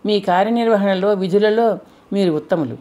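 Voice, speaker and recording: A woman voicing a calm, kindly male wind god in an audiobook, speaking in a gentle, measured, reassuring way. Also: mid-range voice, close to an everyday voice.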